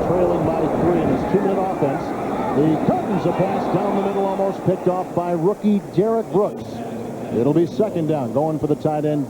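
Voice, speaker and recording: A man gives live football play-by-play commentary. His voice is pitched high for a man. The broadcast is thick with loud stadium noise. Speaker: play-by-play announcer.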